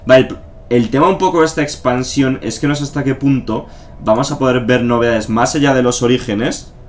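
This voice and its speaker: A man's voice: mid-range voice, brisk, slight background noise. A man with a Spain Spanish accent giving casual gameplay commentary, thinking aloud with fillers, swearing and joking. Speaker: gameplay streamer. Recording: faint game music behind. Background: faint game music.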